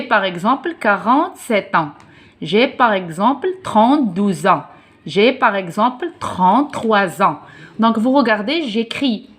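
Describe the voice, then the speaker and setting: A Moroccan woman, a native Arabic speaker with a Moroccan accent, teaches a French lesson at an unhurried pace. Her pitch sits in the middle range for a woman. She walks through each example slowly and repeats it, checking often that her students are following. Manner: patient, repeats examples and asks "d'accord?" often.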